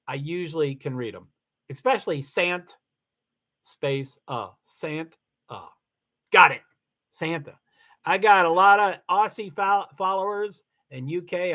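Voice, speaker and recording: A Kentucky man hosts a laid-back livestream, reading viewer comments and chatting loosely. His voice sits high, pushed and bright, and he rambles, often stopping to correct himself.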